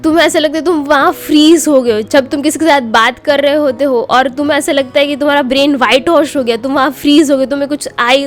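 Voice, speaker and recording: A woman giving motivational advice, speaking straight to the listener and mixing English phrases into her talk. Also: high-pitched. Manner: direct, addresses the listener personally; mixes English phrases into Hindi speech. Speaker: self-improvement vlogger.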